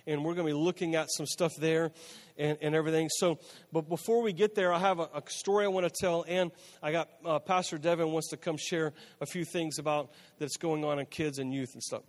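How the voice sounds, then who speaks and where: A man with a fairly high voice opens a sermon casually, in a halting way. His voice rings with the long reverb of a church sanctuary. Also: steady tone. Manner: halting, many fillers and restarts, casual. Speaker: pastor. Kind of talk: informal opening of a sermon.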